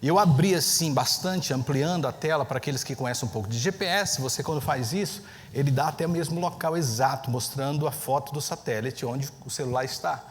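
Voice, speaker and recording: A man preaching a sermon as pastor, telling a story with lively pacing and acting out the people he quotes. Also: mid-range voice, brisk, hardly any pauses. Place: church sanctuary. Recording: long church reverb, faint ambient noise.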